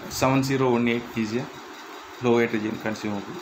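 A man reading interview questions and answers aloud in a plain, measured way, with slightly halting phrasing. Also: mid-range voice, fairly even intonation, noisy background. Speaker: instructor.

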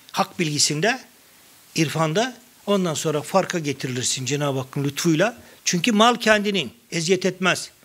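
A man's voice: high-pitched, a bit bright. A middle-aged man giving a public talk on Sufi poetry, telling anecdotes and quoting verses in a conversational way.

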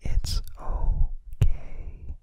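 A young man gives a soothing ASMR pep talk of affirmations in a breathy whisper close to the microphone, repeating drawn-out phrases. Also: warm tone. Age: young adult. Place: small dim indoor room. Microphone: studio microphone close to the mouth, binaural.

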